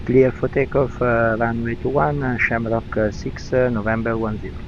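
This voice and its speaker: A man pilot speaking over the aircraft radio, reading clearances back to air traffic control and pausing with "uh" between call words. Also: mid-range voice. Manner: halting, with many "uh" fillers between call words. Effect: pilot heard over the aircraft radio. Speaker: airline pilot. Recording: muffled radio with steady hiss.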